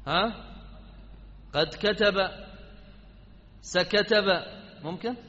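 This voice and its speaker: A man's voice: high-pitched, very slow, pushed and bright. A man teaching an Arabic grammar class, quizzing his students and prompting them with repeated questions. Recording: dull lo-fi sound in a reverberant hall.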